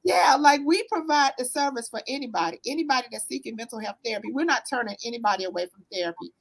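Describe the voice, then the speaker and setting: A woman with a Southern US accent speaks as a guest therapist, earnest and conversational. Her voice sits a little high, and she leans on fillers and asks "right?" as she explains. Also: quick pace, rough recording. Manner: earnest, warm storytelling with frequent "um" and "right?". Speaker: therapist, business owner guest. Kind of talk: conversational interview answers.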